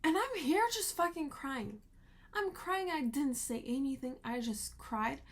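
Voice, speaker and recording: A woman with a slightly high voice talks at an unhurried pace, venting frustration. She tells a storytime vlog emotionally and swears freely along the way. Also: expressive. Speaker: vlogger.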